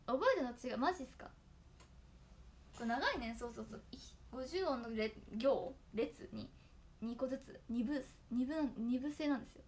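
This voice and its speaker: A woman's voice: a little high, normal speed, slight background noise. A young woman chatting casually to fans, reciting tongue twisters and giggling often. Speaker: idol trainee talking to fans. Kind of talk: casual solo stream chat.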